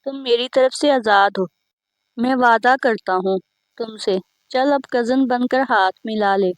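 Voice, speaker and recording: Woman reading a calm kind young man. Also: on the high side, measured pace, dry recording, natural voice.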